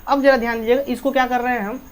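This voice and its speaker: A woman's voice: fairly high pitch, fairly even intonation, very fast. Lady teaching a math lesson, keeps asking the class questions, mixes in english math words. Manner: asks students many rhetorical questions; mixes English maths terms into Hindi. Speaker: maths teacher. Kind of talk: explaining a lesson step by step.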